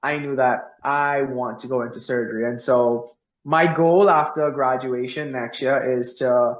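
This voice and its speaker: A man's voice: mid-range voice, steady tone, a little slow. A young man from the Bahamas, a veterinary student, talking earnestly as a guest in a casual interview. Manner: earnest, uses many fillers like "like". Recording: roomy, dull lo-fi sound.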